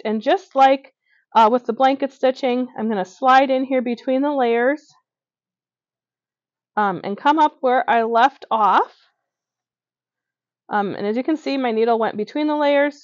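At a table indoors, a woman teaching stitching shows how to make a beaded edging stitch, step by step, correcting herself slightly and using fillers as she goes. She speaks at normal speed in a fairly high voice. The recording is dry and the audio dull.

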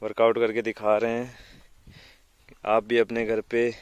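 A man's voice: medium pitch, monotone, a little slow, clear, resonant tone. A man in his thirties giving a casual gym tour outdoors, explaining steadily to viewers. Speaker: visiting fitness vlogger. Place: outdoor village gym in sandy fields.

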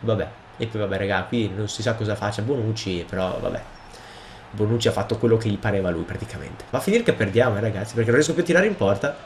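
A young man with a cold and sore throat, casually commenting on his own football video game match and bursting into shouts at goals. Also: fairly low pitch, animated, quick pace, slight background noise. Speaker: gaming video host.

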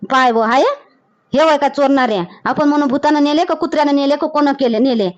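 Woman playing a loud scolding Varhadi village woman. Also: high-pitched, a little fast, muffled recording, close to an everyday voice. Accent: Varhadi Marathi. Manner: scolding, exclamatory.

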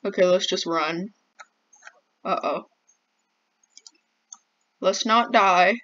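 A woman's voice: mid-range voice, slow pace, a bit bright. A woman commenting while she plays a game, jumpy and easily flustered, often exclaiming. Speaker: gamer. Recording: dull lo-fi mic.

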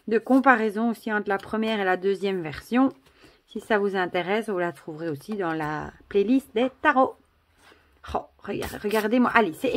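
Casual vlogger, a woman with a Belgian French accent, gushing and chatty, mid-range voice. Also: medium pitch. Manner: gushing, chatty, many exclamations and asides. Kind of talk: casual vlog, showing cards to camera.

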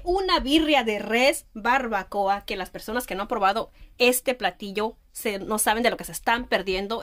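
A cooking channel host narrates a tutorial voice-over in a warm, homey way, clearly enthusiastic about the food. Her voice is on the high side and the recording is dry.

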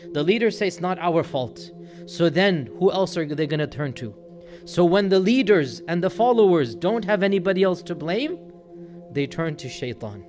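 Male lecturer with a high voice, earnest and emphatic, delivering a religious talk over faint background music. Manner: earnest, emphatic, voices quoted crowds with rising intensity. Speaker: Islamic lecturer.

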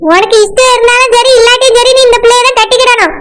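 A woman's voice: very high voice, steady tone, fast talker, fairly bright tone. A woman playing a strict, worried village mother who gives orders, with a Kanyakumari Tamil accent. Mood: commanding. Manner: commanding, scolding. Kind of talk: village skit acting.

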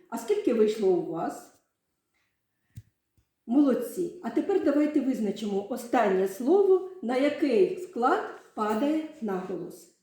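A woman with a fairly high, warm voice teaches young children to read, patiently stretching out words to show their syllables. She's a primary school teacher, recorded in a very echoey room.

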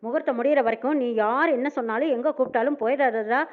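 A woman's voice: high voice, fast talker. A woman retelling a TV serial episode, acting out each character's quoted lines. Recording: tinny phone-like sound.

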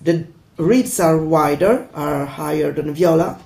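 A woman's voice: low voice, a little slow, a little mellow. An Italian woman, native Italian speaker, answering interview questions over a video call from her home in the mountains, with a strong Italian accent, searching for words in English. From Italy. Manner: searching for words in a second language. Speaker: guest, violin maker.

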